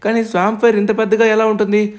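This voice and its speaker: High-voiced, animated man hosting a game video. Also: rapid-fire. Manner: animated, puzzled exclamations. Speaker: channel host.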